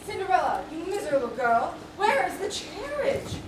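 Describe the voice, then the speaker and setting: A woman's voice: very high voice, sing-song, normal speed, noisy background. A woman playing a haughty, melodramatic, vain stepmother in a children's stage musical. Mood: imperious, scolding. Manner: imperious, melodramatic. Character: haughty, scolding, vain stepmother doting on her daughters. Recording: echoey theatre, distant mic, music.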